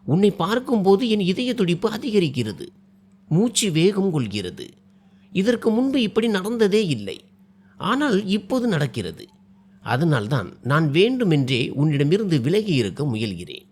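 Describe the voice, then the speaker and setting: A man voicing a shy young male farmhand who speaks hesitantly and earnestly, a little lower than his narration. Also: wildly swooping pitch, measured pace, darkish tone, husky, exaggerated voice. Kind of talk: storytelling dialogue.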